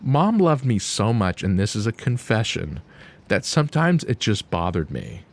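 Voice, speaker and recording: Guy reading a eulogy, kinda low voice, solemn and grieving, careful pauses. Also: big pitch swings. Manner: slow, deliberate, grieving, with pauses. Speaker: son giving a eulogy. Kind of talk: solemn eulogy read aloud from a written text.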